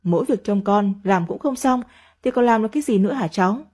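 A woman voicing a bitter elderly mother-in-law who scolds her daughter-in-law in shrill, nagging tirades. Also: animated, fast, darkish tone, close to an everyday voice. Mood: scolding.

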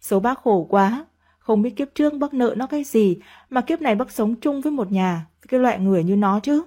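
A woman voicing a bitter elderly mother-in-law who scolds her daughter-in-law in shrill, nagging tirades. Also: animated, a little fast, warm tone. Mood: scolding.

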